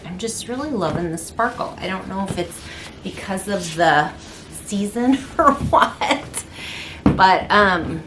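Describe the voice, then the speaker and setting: A woman's voice: fairly low pitch, background noise. A middle-aged woman artist chatting casually to the camera in her studio, rambling with lots of ums and restarts. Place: indoor art studio.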